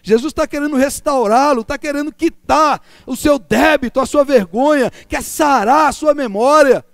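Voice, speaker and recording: A man preaching a sermon in a strikingly high voice. He delivers repetitive lists with fervor, swinging between raised cries and hushed low passages. The recording is close and dry, with no room sound. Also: moderate pace, creaky, no echo.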